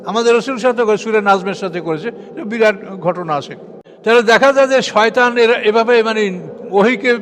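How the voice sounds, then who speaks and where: A man giving a sermon that explains scripture, lecturing with frequent hesitant, drawn-out fillers. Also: sits high, a bit bright. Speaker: Islamic preacher.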